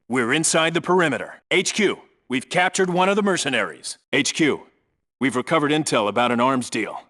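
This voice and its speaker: This male actor plays a tough Navy SEAL team leader in a military game, issuing crisp, businesslike reports and commands to his squad with clear authority. His voice sits a little high and has a fairly bright tone.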